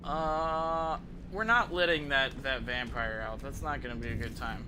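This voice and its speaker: A game streamer gives casual, profane, slangy commentary in a medium-pitched voice at a measured pace. Video game music and sound effects play behind him, adding background noise.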